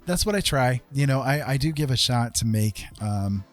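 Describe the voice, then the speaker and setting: This man has a mid-range voice with lively intonation and a moderate pace. Painting on a relaxed livestream as a digital artist, he rambles along in a self-deprecating way and chuckles often, with music running in the background.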